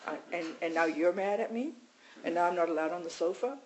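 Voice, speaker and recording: A woman voicing a self-pitying male pet dog who complains in a rapid, whiny inner monologue. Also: on the low side, a little mellow, slight background noise, lightly acted, low-quality recording.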